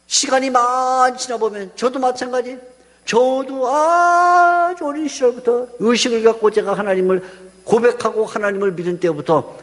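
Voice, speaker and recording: An older man, a pastor, preaching an earnest sermon full of rhetorical questions in a church sanctuary. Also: extremely high pitch. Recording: long church hall reverb.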